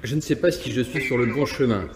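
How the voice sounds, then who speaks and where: This man runs a company in Nantes, France, and his interview answers are personal reflections delivered haltingly, with frequent restarts and repeated words. He speaks at a quick pace in a mid-range voice over background noise.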